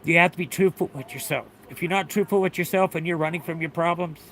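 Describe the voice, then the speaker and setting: A middle-aged man speaks earnestly to his stream with a bright, slightly high voice. He repeats himself and swears freely, sounding close to tears, with faint noise in the background. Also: quick pace. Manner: earnest, repetitive, swears often. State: tearful. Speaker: livestreamer. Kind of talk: emotional livestream talk.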